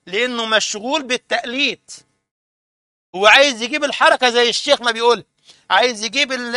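A man with an Egyptian accent giving a lively, informal sermon and mocking people who imitate others. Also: very high voice, no room sound, clean studio sound. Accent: Egyptian Arabic. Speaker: preacher.

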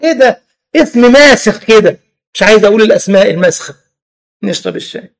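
A man's voice: high voice, quick pace, creaky. A man from Egypt with an Egyptian Arabic accent, preaching a religious lesson with humorous stories and many rhetorical questions. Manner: animated, rhetorical questions, laughs at own stories.

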